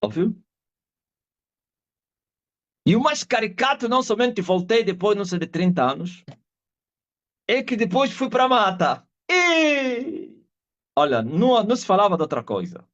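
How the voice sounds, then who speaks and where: A middle-aged man with an Angolan Portuguese accent, an apostle giving an animated testimony sermon over a live video call. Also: sits high, a little slow, long pauses. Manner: animated storyteller, acts out quoted voices and shouts. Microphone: video call audio. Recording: dull lo-fi video call audio.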